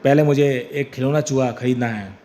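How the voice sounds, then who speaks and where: A man's voice: medium pitch, fairly even intonation, moderate pace, mellow, a little hiss or hum, lightly acted. A man voicing Chunchu, a cheeky, clever young male mouse in a comic story, with a playful, teasing manner. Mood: scheming.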